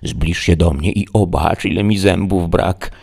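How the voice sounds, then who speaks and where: A man's voice: deep voice, steady tone, a little slow, creaky, a little mellow, full character voice. A man reading a storybook aloud, voicing a deluded, grandiloquent old knight who gives solemn, declamatory speeches.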